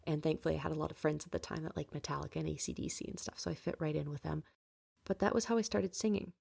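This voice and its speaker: A low-pitched, darkish voice with vocal fry and a slightly rough edge belongs to a woman in her late twenties who hosts a podcast from home. She talks fast in a steady tone, reflecting openly on her life with many fillers and light laughs.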